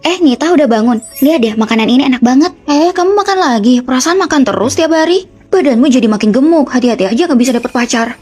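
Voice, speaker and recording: A young woman dubbing several college dorm roommates in a short drama, trading quick, bickering lines and switching between characters. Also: sits high, expressive, darkish tone, slightly rough, faint music behind. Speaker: voice actor.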